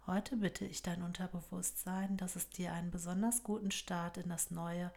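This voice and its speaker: Soft whispering woman, slow and soothing. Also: fairly low pitch, level tone, creaky. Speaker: hypnosis guide. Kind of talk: guided relaxation hypnosis.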